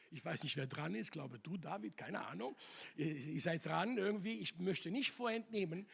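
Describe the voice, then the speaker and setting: Guest pastor, man, high gravelly voice, slow emphatic preaching. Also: fairly bright tone. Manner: passionate, emphatic preaching with repetitions. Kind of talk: sermon. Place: church hall.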